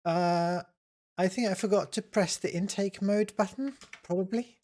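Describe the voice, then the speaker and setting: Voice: medium pitch, moderate pace, a little mellow. A game streamer giving casual live commentary, thinking aloud while playing.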